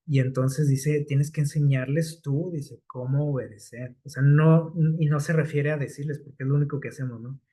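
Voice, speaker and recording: Man preaching with a warm, dark voice. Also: a little high, steady tone, normal speed, few pauses. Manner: conversational, checks in with frequent rhetorical questions. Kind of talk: sermon.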